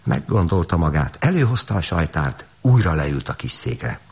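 A man reading a fairy tale aloud in an animated, expressive way. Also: extremely low pitch, husky. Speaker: storyteller.

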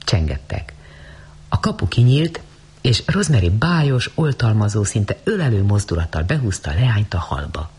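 A man narrating a story as an audiobook, reading in an expressive, dramatic way. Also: on the low side, breathy edge.

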